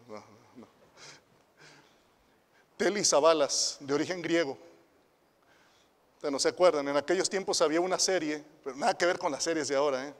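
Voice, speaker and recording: A Mexican man with a high voice preaches a sermon to the youth, peppering it with rhetorical questions. He drops to hushed asides, then rises to loud, emphatic declarations. His voice trails off into the long reverb of a hall. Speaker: pastor and youth director.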